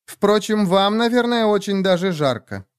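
A man's voice: high-pitched, expressive, clear, resonant tone, no echo, clean studio sound, pitched above the performer's own voice. A man putting on a brash, foul-mouthed young woman. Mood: nervous teasing. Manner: mocking, crude, quick to anger.

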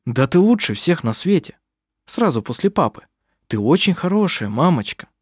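A man's voice: a little high, very animated, moderate pace, slightly rough, no echo, clean studio sound, pitched above the performer's own voice. Earnest young sorcerer son, read by a man. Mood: fond. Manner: earnest, affectionate.

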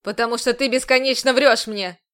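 A woman's voice: medium pitch, little pitch movement, moderate pace, smooth, natural voice. A woman reading an audiobook, voicing a stern, scornful male commander who talks in a harsh, commanding way. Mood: angry.

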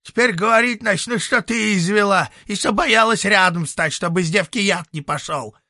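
Male reader doing a gruff old hermit sorcerer, scornful and barking, raised voice, bright edge. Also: high voice, normal speed, dry recording, studio quality, voice pushed up. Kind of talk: audiobook character voicing.

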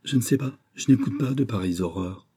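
A man plays a kindly, anxious young woman, pitched higher than his own voice, with a husky and mellow tone. She sounds earnest and a little flustered, pleading gently in a storybook reading. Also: expressive, fairly quick.

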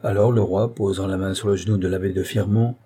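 A man reading a classic novel aloud as an audiobook narrator, in a measured, dramatic delivery. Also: low-pitched, steady tone, mellow, slightly rough. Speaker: audiobook reader. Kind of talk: scripted literary narration.

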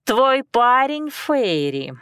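A predatory young woman asks sly, probing questions, as a woman reader puts her on. Her pitch moves freely and the sound is close and dry. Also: sing-song, very slow, a bit bright, clean tone, no echo, exaggerated voice.

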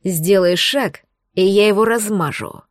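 A woman's voice: medium pitch, unhurried, no echo, close to an everyday voice. A woman reading an audiobook, voicing a furious, jealous male dragon who growls his threats. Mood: menacing. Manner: growling, menacing. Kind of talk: audiobook narration.

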